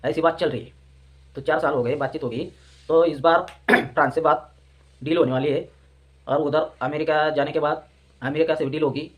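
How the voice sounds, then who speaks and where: A man's voice: a little high, steady tone, moderate pace, long pauses. A man hosting a reaction video, ranting in a scornful, mocking tone.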